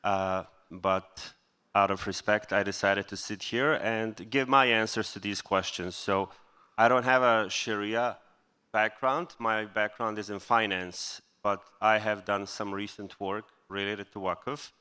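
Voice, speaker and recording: Brief: male panelist from Bosnia, clear resonant voice, measured delivery. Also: on the low side, steady tone, sharp tone. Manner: measured, explanatory. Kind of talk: conference panel answer.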